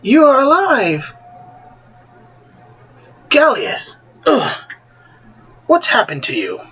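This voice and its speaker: Man as anxious young male hero; urgent, husky, slow. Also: very high voice, huge pitch swings, sharp tone, lo-fi sound, voice pushed up, heavily acted. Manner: urgent, pleading.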